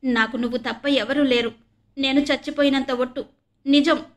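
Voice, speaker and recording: A crippled teenage boy, voiced by a woman reader, pleads through tears in a storybook drama. His voice sits high and strained, carried on with a narrator's clarity. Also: level tone, measured pace, lightly acted. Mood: pleading. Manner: pleading, tearful.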